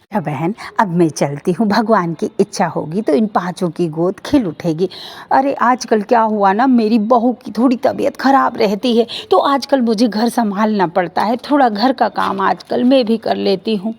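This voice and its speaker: Woman doing a gentle, kindly neighbor lady. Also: medium pitch, moderate pace, creaky, slightly rough. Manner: calm, soothing.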